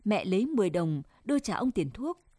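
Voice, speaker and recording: A woman narrating a first-person story in a measured, reflective way. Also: medium pitch, very animated, warm tone, slightly rough, dry recording, studio quality.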